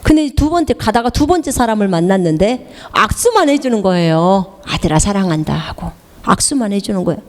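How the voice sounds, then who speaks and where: A woman missionary preaching a sermon, pressing the listener with rhetorical questions and dropping now and then into hushed whispered asides. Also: mid-range voice, very animated, brisk, big-room sound. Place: church hall.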